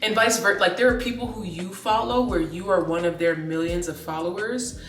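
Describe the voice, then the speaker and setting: A woman's voice: medium pitch, brisk, distant mic. A woman in her late twenties chatting casually in a vlog, rambling with lots of "like" fillers and restarts. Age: 20s. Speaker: vlogger. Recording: echoey room, voice set back from the mic, faint music.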